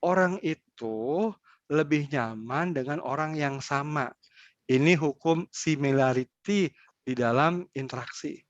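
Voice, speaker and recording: A man giving an online lecture in a conversational way, acting out quick examples of what people might say. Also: fairly high pitch, no room sound, highs cut off.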